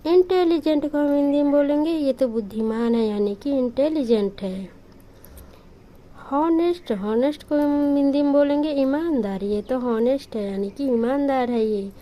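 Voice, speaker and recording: A woman teaching a vocabulary lesson, repeating each word slowly and giving short example sentences, sometimes correcting her own slips. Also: high voice, dark tone, rough recording. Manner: slow, repetitive word-by-word drilling with example sentences.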